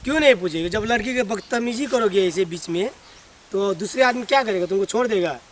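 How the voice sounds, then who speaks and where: A stern village man, played by a man, steps in and scolds a harasser with reproachful questions. His voice sits high for a man, and his speech is recorded outdoors for an amateur short film. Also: fairly quick, slight background noise, close to an everyday voice. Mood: stern scolding.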